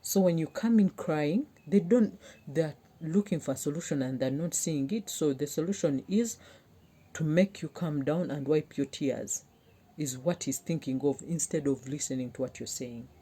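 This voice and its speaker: A woman's voice: low voice, moderate pace, mellow, breathy edge. A young woman vlogger talking earnestly to her viewers, pleading and heartfelt as she gives relationship advice. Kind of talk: personal talk to camera.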